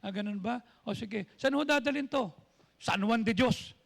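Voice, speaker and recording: A man's voice: very high-pitched, moderate pace, vocal fry. A man preaching a sermon as pastor, telling stories and acting out what people said, slipping English phrases into his talk. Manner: storytelling preacher, quoting people in voices. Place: church.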